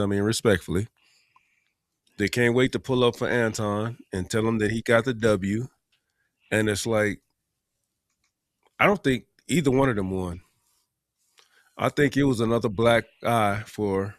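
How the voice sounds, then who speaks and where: A man's voice: lowish voice, no room sound. Dry-sounding laid-back podcast man. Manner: laid-back, loose slang, measured. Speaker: podcast co-host. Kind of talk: casual chat.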